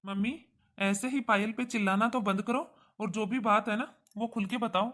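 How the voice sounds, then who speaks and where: A woman voicing a young adult son in a cartoon, who speaks calmly and reasons patiently with his mother. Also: medium pitch, normal speed, natural voice. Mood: placating. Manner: reasoning, placating. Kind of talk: cartoon voice acting.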